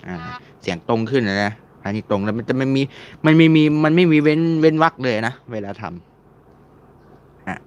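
Guy doing a casual how-to, keeps repeating himself while he hunts for stuff, middle pitch. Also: lively intonation, moderate pace, darkish tone, smooth, highs cut off. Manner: chatty, repeats words while searching and clicking. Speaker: mobile game modding tutor. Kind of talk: casual screen-recorded tutorial.

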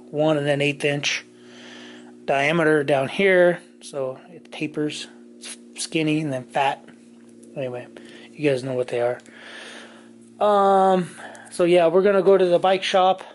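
Speaking from his home garage, a Californian man with a fairly high voice chats about motorcycle parts for his vlog, full of fillers, hesitations and false starts. The sound comes from a handheld camera's microphone, off-screen.

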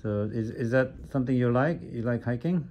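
Mellow-voiced male foot doctor. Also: medium pitch, brisk, slight background noise. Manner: chatty, encouraging, many uh-huhs. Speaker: podiatrist. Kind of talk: casual chat while treating a patient. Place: clinic room.

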